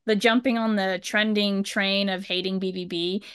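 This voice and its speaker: A woman's voice: medium pitch, steady tone, normal speed, fairly bright tone, clean tone, no room sound, clean studio sound. A woman guesting on a casual fan podcast, opinionated and emphatic.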